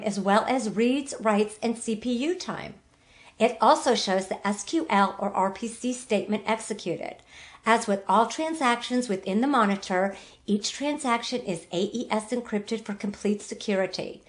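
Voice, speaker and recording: A woman's voice: medium pitch, normal speed. A woman giving a bubbly, enthusiastic scripted product demo of a phone app. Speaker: product presenter.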